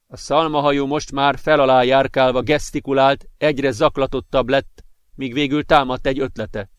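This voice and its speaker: A man reading an audiobook as narrator in a steady, measured voice. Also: mid-range voice, smooth, no echo. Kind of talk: scripted narration.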